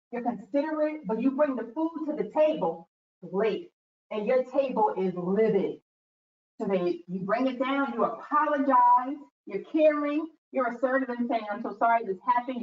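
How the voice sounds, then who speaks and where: Woman speaker in an echoey room. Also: on the high side. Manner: animated storytelling with acted-out quotes. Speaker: guest speaker. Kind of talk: talk to students. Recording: echoey room, distant mic, dull sound.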